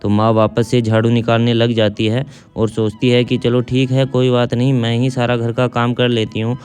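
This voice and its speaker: Male storyteller, steady scripted narration, smooth and even-toned. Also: mid-range voice, moderate pace, soft background music.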